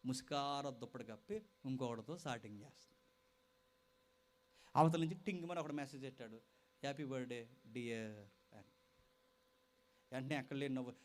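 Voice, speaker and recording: A man preaching a sermon with passion. He moves from loud appeals to quieter storytelling, speaks straight to his listeners and repeats phrases for weight. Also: mid-range voice, fairly quick, long pauses. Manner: impassioned, swings from loud exhortation to quiet storytelling; addresses listeners directly and repeats phrases for emphasis.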